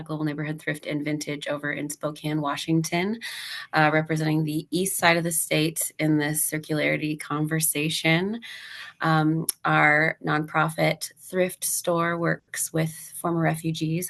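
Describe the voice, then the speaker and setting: Fields: Sex: woman. Quality: weak, creaky, low and flat. Style: webinar talk. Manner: steady, informative delivery that cues slides. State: weak voice after laryngitis. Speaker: nonprofit thrift store operations director. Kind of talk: webinar presentation.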